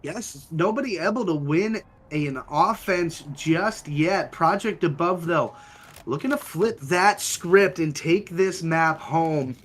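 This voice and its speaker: High-voiced young esports caster. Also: male voice, slight background noise. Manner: fast, excited play-by-play with sudden outbursts. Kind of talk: play-by-play commentary.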